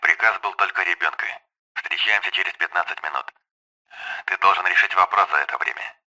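A man voicing a cold, commanding male criminal contact, raspy and curt, heard over a walkie-talkie radio. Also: low-pitched, brisk, pushed and bright, poor audio. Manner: curt, allows no argument.

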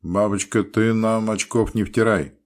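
A man doing a stern, loud country medic. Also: lowish voice, fairly even intonation, measured pace, pitched above the performer's own voice, natural voice. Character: stern older male country medic, no-nonsense.

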